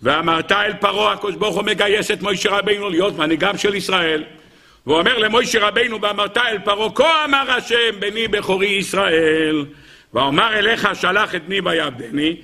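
A rabbi giving an animated Torah lecture, firing rhetorical questions at his listeners. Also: sits high.

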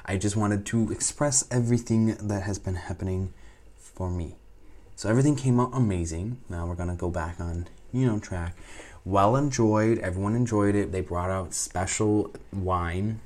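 A man chatting casually to the audience, telling an animated story and laughing often. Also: low-pitched, moderate pace. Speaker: vlogger recounting a trip.

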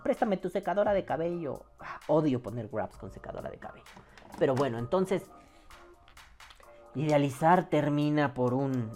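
A man with a Mexican accent hosting a podcast, reading viewer comments in casual, profane chat and jumping into high mock voices. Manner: animated, swings into high mock voices, swears freely.

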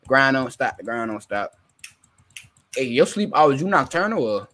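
A man's voice: medium pitch, sing-song, normal speed, pushed and bright. A young man in his twenties hosting a podcast, teasing and swearing in loose casual banter. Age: 20s. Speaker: podcast host.

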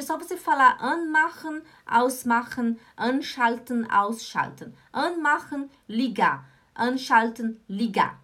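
A woman teaching German in a live online lesson, slowly repeating and drilling words. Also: sits high, a bit bright. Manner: slow, repetitive drilling of words.

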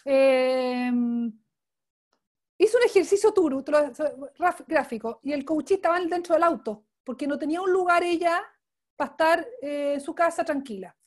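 A woman's voice: high voice, moderate pace. A woman coaching trainer teaching live and informally, effusive and emphatic, often checking in with short questions. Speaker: coaching trainer leading an online class.

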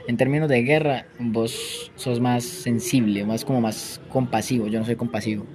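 A young man in his late teens speaks with a Colombian accent. He chats casually in heavy slang, in a mid-range voice, with a clear murmur of other people behind him. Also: mid-range voice, fairly even intonation, moderate pace, crowd noise. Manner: slangy, banter-prone. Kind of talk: casual chat.

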